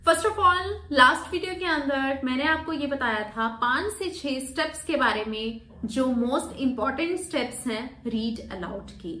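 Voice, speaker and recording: A woman teaching exam speaking skills in a Hindi-English video lesson, explaining step by step and reading sample sentences very slowly. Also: sits high, pushed and bright. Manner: explains step by step, slows sharply for demonstration readings. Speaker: PTE exam coaching teacher. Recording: roomy echo with faint background noise.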